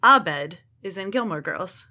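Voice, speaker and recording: Bright-voiced woman podcast co-host. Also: medium pitch, lively intonation, slow pace. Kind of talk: casual chat.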